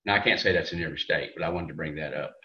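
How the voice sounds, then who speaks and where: A man's voice: a bass voice, rapid-fire, sharp tone, slight background noise. A man on a group call, rambling casually and laughing at himself. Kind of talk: casual chat. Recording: distant, roomy, dull lo-fi audio.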